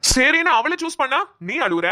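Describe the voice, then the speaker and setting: A woman voicing a young cartoon man who is exasperated by two girl cousins, talking in quick complaints. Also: sits high, very animated, bright, forceful tone, exaggerated voice. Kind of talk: cartoon voice acting.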